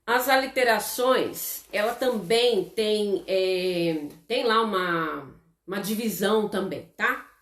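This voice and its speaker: Teaching live online with a Brazilian Portuguese accent, a woman speaks in a mid-range, somewhat bright voice, and the room sounds spacious. She's slow and explanatory, checks in with her viewers constantly, and sprinkles in many "tá?" checks.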